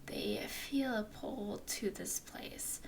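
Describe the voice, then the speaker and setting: A woman takes on the role of a teasing, flirty female werewolf explorer in ASMR, her soft whisper carrying a playful drawl. She speaks at a medium pitch, slowly, with a creaky quality.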